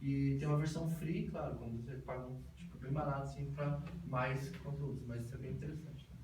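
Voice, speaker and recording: A man's voice: medium pitch, fairly even intonation, brisk, a little mellow, a little hiss or hum. A man chimes in casually with a practical tip during a presentation. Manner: adds tips casually. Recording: very echoey room, far mic.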